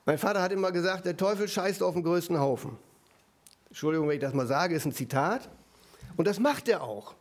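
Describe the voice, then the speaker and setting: A male preacher giving a sermon in a lively, conversational way, often turning to the audience with short asides and switching between quick and slow, emphatic phrasing. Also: high-pitched.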